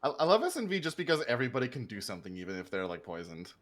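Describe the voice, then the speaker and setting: A man with lively, swinging intonation talks casually over game voice chat. He starts haltingly, doubling up words before he gets going. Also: medium pitch. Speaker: player in an online group game.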